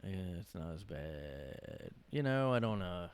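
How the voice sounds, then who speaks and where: Talking slowly in a low, sing-song voice, a podcast host rambles on his own from his room without any echo. He hesitates a lot, leans on fillers, and comes across as tired from getting over a cold.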